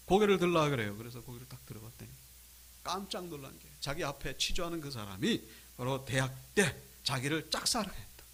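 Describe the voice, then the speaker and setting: Male pastor, dramatic sermon storyteller, bright, forceful delivery. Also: on the high side, breathy edge. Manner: dramatic storyteller, swinging from loud to hushed. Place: church sanctuary.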